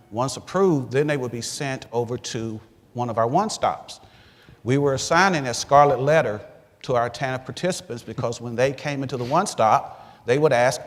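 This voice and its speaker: A man with an Arkansas accent speaks as a panelist at a conference. His voice sits at a middle pitch and rings out through a reverberant hall sound system. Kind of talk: prepared panel remarks to an audience.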